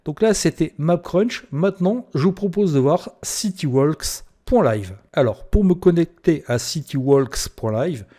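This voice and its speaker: Man, tutorial presenter, mellow and warm, unhurried click-by-click explanation with fillers. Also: fairly high pitch, animated. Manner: explains step by step with many fillers. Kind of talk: screen-recorded software tutorial.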